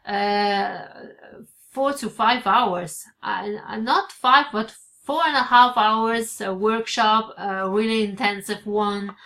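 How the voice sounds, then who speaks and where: A woman in her forties, born in Italy and brought up in Switzerland, vlogs casually to her webcam at a desk in her bookshelf-lined home office. Her English carries an Italian accent, and her mid-range voice is pushed and bright, unhurried in pace. She keeps hesitating, filling pauses and starting over.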